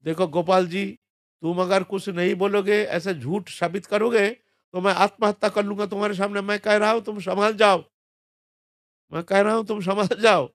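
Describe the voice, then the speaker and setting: A man's voice: on the high side, moderate pace, gravelly, no room sound, clean studio sound. A man voicing a poor young Brahmin who pleads and threatens a silent temple idol in a devotional story. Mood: desperate threatening. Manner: pleading, raising his voice in insistence.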